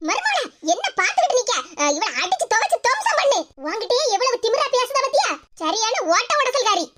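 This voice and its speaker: A bossy old cartoon mother-in-law, put on by a woman, cackling and gloating through drawn-out fillers. The voice sits very high and squeaky. A loud hiss with clicks runs under it all. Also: sing-song.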